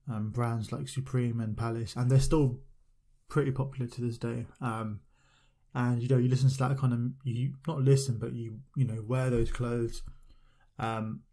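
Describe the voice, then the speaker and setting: A man's voice: medium pitch, dark tone. A young man hosting a podcast, rambling casually with lots of fillers as he talks. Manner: rambling, filler-heavy, loose storytelling. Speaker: podcast host. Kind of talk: casual solo podcast chat.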